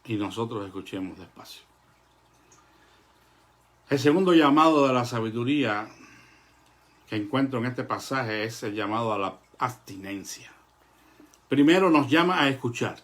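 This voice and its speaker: Guy preaching, earnest and measured, lots of pauses and eh's, talks to the brothers. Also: mid-range voice, animated, a bit bright. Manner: addresses the congregation as brothers. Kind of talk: sermon.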